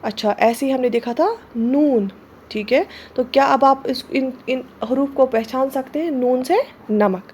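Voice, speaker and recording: A woman's voice: high-pitched, a little mellow, slight background noise. A woman teaching an online Urdu class, patiently spelling out letters and words and often checking in with her students. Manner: patient, repeats words slowly, often checks with "theek hai". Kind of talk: online exam-prep lesson.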